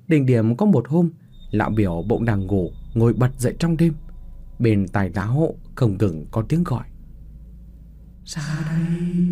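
A man narrating a horror story with expressive storytelling delivery. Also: fairly low pitch, husky.

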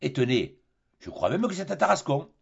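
A man voicing a jovial, mocking male sea captain who talks in a loud, teasing, worldly way. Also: a little high, very animated, moderate pace, creaky, husky, dull audio, voice pushed up, full character voice.

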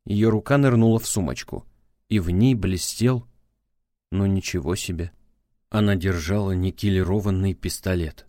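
A man narrating an audiobook in a steady, measured storytelling manner. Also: deep voice, no echo.

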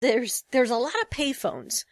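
A woman's voice: fairly high pitch, lively intonation, measured pace, dry recording. A woman co-hosting a podcast, chatting loosely about a TV episode, rambling and correcting herself as she goes. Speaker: podcast co-host. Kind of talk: casual TV episode discussion.

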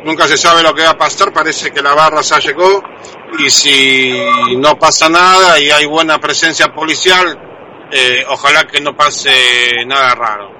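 A man co-hosting a sports radio show, heard over a distant, thin remote line with a bad connection, speaking in a calm, measured way. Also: on the high side, slight background noise. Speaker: radio co-host. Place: Costa Rica, remote from the studio.

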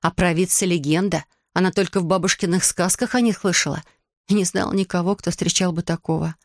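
A woman reading a fantasy audiobook in an even storytelling manner. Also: on the low side, fairly quick, no room sound, studio quality. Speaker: audiobook narrator. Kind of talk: scripted fantasy audiobook narration.

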